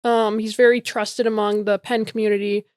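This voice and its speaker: A woman's voice: medium pitch, flat delivery, normal speed, a little mellow, smooth, no echo, clean studio sound. A woman introducing her character on a role-play podcast, playful and chatty. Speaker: player. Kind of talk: casual chat.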